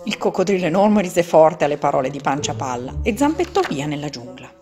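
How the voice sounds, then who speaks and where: A woman reading a children's story aloud, expressive and lively, as a podcast host. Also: sits low, brisk. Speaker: children's book reader. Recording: soft background music.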